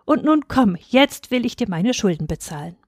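A woman reading aloud who voices a shy, gently teasing young bride in a storybook. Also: fairly high pitch, sing-song, normal speed, husky, no echo, studio quality, pitched above the performer's own voice. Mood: bashful.

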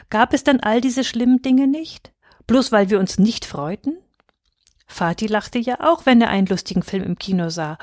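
A woman reading a children's Christmas story aloud in a gentle, expressive storytelling manner. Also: mid-range voice, dry recording, studio quality. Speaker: reader.

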